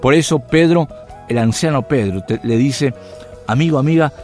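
A man's voice: mid-range voice, normal speed, faint music behind. A man giving a radio devotional sermon, asking rhetorical questions and letting his voice rise and drop. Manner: rhetorical questions, animated rises and drops. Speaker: radio preacher.

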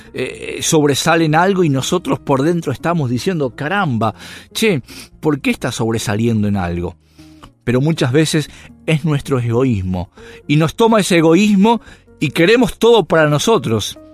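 A man giving a radio devotional sermon, asking rhetorical questions and letting his voice rise and drop. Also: a little high. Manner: rhetorical questions, animated rises and drops. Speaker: radio preacher.

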